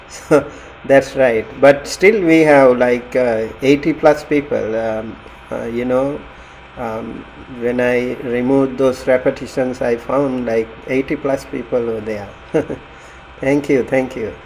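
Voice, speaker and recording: A man talks slowly and haltingly over a video call, pausing often on fillers as he teaches an online class. His pitch sits in an ordinary middle range. A faint hum of background noise sits under his voice. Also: fairly even intonation, darkish tone, rough recording. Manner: slow, hesitant with many fillers, laughs often. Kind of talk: casual online class talk.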